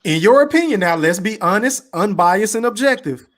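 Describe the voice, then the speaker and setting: A man's voice: high-pitched, animated, normal speed, fairly bright tone. A man in a heated, casual boxing debate, pressing with pointed questions in a challenging, teasing, slangy way. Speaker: debater questioning others on a boxing talk show.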